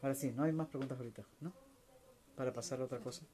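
A man answering viewer questions in a slow, reflective spiritual talk, searching for words and letting phrases trail off softly. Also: medium pitch. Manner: slow, searching, with many restarts and soft trailing endings.

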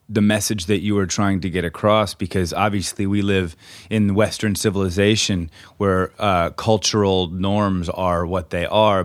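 Very deep-voiced man asking rambling questions. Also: no echo, studio quality. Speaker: podcast co-host. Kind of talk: podcast conversation.

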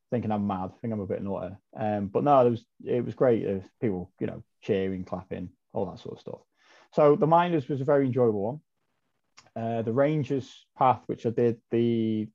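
A man's voice: on the low side, vocal fry, mellow. A man, a podcast guest telling a long story in a chatty, rambling way with many ums and self-corrections. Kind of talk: casual storytelling chat. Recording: dull lo-fi audio.

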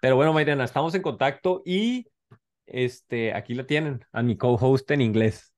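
A man's voice: mid-range voice, normal speed. A man with a Mexican accent hosting a podcast in a casual, slangy, rambling way full of filler words. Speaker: podcast host. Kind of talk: casual chat.

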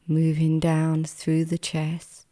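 A woman guiding a relaxation meditation like a sleep story narrator, soothing and gentle, with a soft, sometimes breathy voice and long pauses. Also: low voice, completely flat delivery. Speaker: meditation guide.

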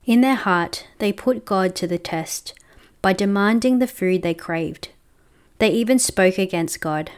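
A woman reads scripture aloud as a lector in a church liturgy. Her voice is smooth and clear, at a middling pitch, delivered as a formal liturgical reading. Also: unhurried.

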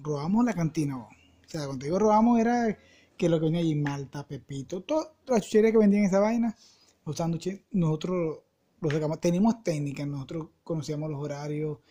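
A man's voice: on the high side, mellow. A young man with a Venezuelan Spanish accent, telling a story in a casual podcast chat. He uses a lot of slang and acts out the people in his story. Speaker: podcast co-host.

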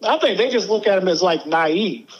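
A man in his thirties co-hosting a podcast, trading quick jokes in casual chat. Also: high-pitched, expressive, breathy edge, poor audio. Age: 30s. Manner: quick, joking banter.

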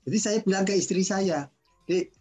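Older man, husky, a rambling storyteller with fillers, for a panel-talk guest. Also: sits high, lively intonation, moderate pace, a little mellow, faint music behind, low-quality recording. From Madura, Indonesia. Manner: discursive, digressive storyteller with frequent fillers and laughs. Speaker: guest speaker, language researcher.

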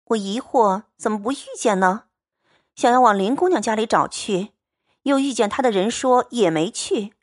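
Gentle young maid read by a woman, mild, explaining, high voice, dry sound. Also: moderate pace, no echo, lightly acted.

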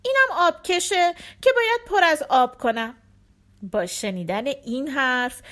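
A woman narrating a folk tale for listeners, expressive and acting out the characters. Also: sits high.

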